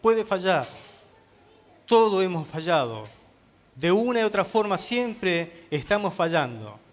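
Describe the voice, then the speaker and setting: A man's voice: sits high, sing-song, a little slow. A man pastor preaching a sermon, emphatic, asking the congregation rhetorical questions.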